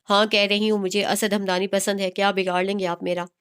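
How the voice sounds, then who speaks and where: A woman's voice: mid-range voice, little pitch movement, fairly quick, clear, resonant tone, close to an everyday voice. A woman voicing a defiant young heroine who mocks the man courting her. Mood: taunting. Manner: taunting, sharp.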